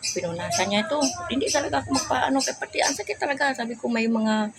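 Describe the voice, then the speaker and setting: A woman's voice: on the high side, expressive, fast talker, gravelly, noisy background. An older woman, chatting casually and telling a rambling personal story while she searches for words. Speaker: vlogger. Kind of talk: casual chat.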